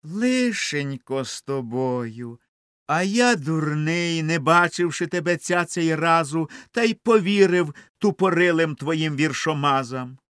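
Man declaiming a poem slowly. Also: fairly high pitch, clear, resonant tone, dry recording, clean studio sound. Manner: declamatory, with sweeping swings from hushed to loud. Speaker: reciter. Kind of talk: dramatic poetry recitation.

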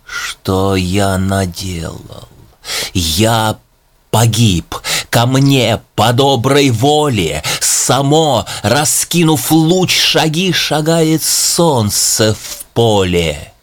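A man giving a dramatic poetry recitation, measured, rhythmic and emphatic. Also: medium pitch, animated.

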